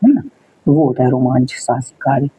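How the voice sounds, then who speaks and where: A man's voice: mid-range voice, fairly quick, dark tone, husky, low-quality recording. A man teaching an exam spelling lesson, repeating words and spelling them out letter by letter. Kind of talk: spelling lesson, casual explaining.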